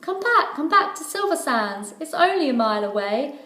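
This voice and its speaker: A woman's voice: high-pitched, very animated, normal speed, pushed and bright, echoey room, pitched above the performer's own voice, full character voice. A woman voicing a loyal seagull in a storybook, calling out in urgent, pleading repeats. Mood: urgent, encouraging. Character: loyal, urgent seagull friend of a captive mermaid.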